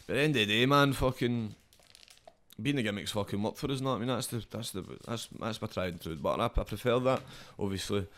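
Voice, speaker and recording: Fast-talking man with a broad Scottish accent. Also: lowish voice, a bit bright. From Scotland. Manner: rambling, slangy, frequent swearing and verbal tags. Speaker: podcast guest, social media comedy creator and wrestler. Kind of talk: sweary casual chat.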